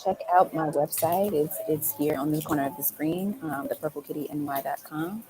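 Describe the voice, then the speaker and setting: A low-pitched woman talks as a guest breathwork coach on a casual live stream. She is reflective and often adds "um" and "right?". Clear background noise sits under her voice. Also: moderate pace.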